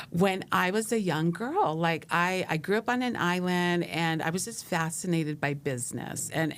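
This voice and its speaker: A middle-aged woman from Hawaii, a business consultant talking in a steady, measured way as an interview guest. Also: on the low side. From Hawaii, USA. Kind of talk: casual interview chat.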